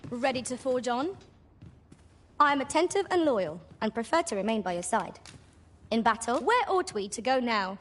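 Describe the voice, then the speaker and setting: A woman's voice: a little high, big pitch swings, normal speed, a little hiss or hum. A woman voicing a loyal, eager fantasy game warrior companion with keen, formal phrasing. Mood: eager, resolute. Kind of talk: video game voice acting.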